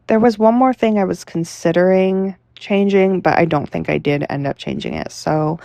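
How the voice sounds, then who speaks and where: A young woman talking casually to camera about editing her novel, chatty and relaxed with lots of fillers. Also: lowish voice, normal speed, vocal fry, dry recording. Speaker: writing vlogger.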